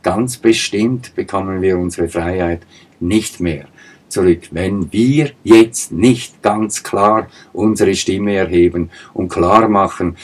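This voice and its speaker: A man giving an emphatic political monologue, asking pointed rhetorical questions and repeating his points. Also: low voice. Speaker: political commentator.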